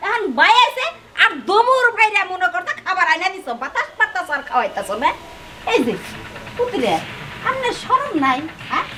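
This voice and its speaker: An actress playing a domineering, taunting middle-aged mother-in-law in a village family drama, with a shrill, scolding way of talking. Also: very animated, normal speed, sharp tone, exaggerated voice. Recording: noisy background.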